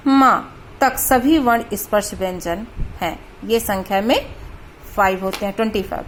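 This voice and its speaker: A woman teaching Hindi grammar, patiently explaining and sounding out letters slowly, sometimes mixing in English words. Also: mid-range voice, a little hiss or hum. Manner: patient, repeats sounds slowly to demonstrate pronunciation. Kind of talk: explaining at a board.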